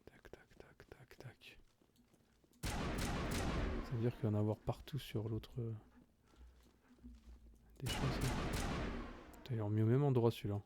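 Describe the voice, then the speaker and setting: A man's voice: lowish voice, steady tone, unhurried, pauses often, very noisy. A man giving casual, swearing commentary while playing a video game, thinking aloud and praising himself. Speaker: gaming YouTuber. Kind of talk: casual let's-play commentary.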